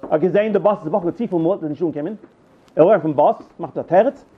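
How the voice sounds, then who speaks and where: A man telling rambling personal anecdotes, halting and repeating himself as he goes. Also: on the high side, husky. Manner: halting, repeats and restarts words, animated. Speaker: storyteller. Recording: tinny phone-like line.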